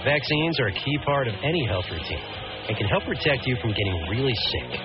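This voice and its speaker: A man reads scripted public service spots in a measured announcer voice. His pitch moves lively, and loud guitar music plays under the dull radio sound. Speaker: commercial announcer. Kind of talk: scripted ad read.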